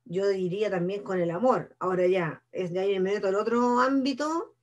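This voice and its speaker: A woman's voice: medium pitch, moderate pace, dull audio. A woman, an actress speaking on a panel, explaining at length and often checking in with her listeners. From Chile. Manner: explanatory, peppers speech with "¿ya?" and "te fijas". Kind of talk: conversational panel talk.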